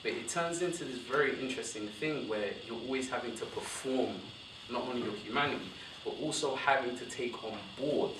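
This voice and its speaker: Young man talking in an echoey hall. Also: lowish voice. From born in Somalia, raised in West London. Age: young adult. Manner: discursive, animated, self-correcting. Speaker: panel speaker. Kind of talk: panel discussion talk. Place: university lecture room. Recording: roomy hall from a distant mic with noise.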